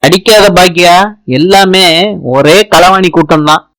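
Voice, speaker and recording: A man's voice: high-pitched, fairly even intonation, unhurried, fairly bright tone, no room sound, voice pushed up, low-quality recording. A man reading the lines of an angry, scheming middle-aged mother-in-law in a scolding, indignant way.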